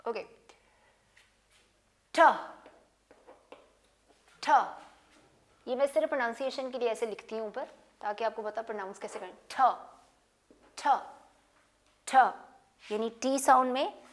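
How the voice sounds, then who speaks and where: In a slow phonics lesson, this woman teacher repeats each sound several times, switching between Hindi and English words. Her voice is fairly high and her pace quick.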